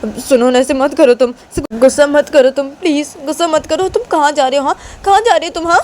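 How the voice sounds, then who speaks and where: A woman voicing Uma, a gentle young woman who softly pleads with her partner, repeating her words to calm them. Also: mid-range voice, fairly quick, slight background noise, natural voice. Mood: pleading. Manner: soft coaxing repetition.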